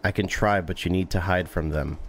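Over slight background noise, a young streamer with a deep, creaky voice plays through a game at a brisk clip, casually and bluntly reading dispatcher lines aloud and reacting to them.

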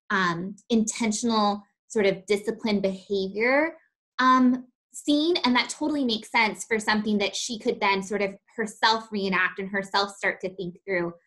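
A woman hosting an interview, affirming her guest, with many ums and sort-ofs. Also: medium pitch. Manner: warmly affirming, lots of "um" and "sort of". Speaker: host. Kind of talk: interview conversation.

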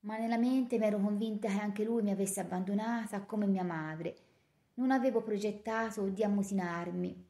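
A woman narrating a novel in the first person with a measured, expressive reading. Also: mid-range voice. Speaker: audiobook narrator. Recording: roomy echo.

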